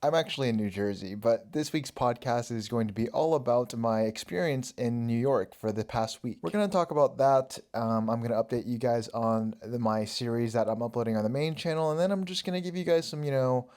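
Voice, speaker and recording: A man's voice: mid-range voice, a little fast, hardly any pauses, a little mellow. A young man hosting a solo podcast, chatting casually in a rambling, self-mocking way. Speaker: podcast host.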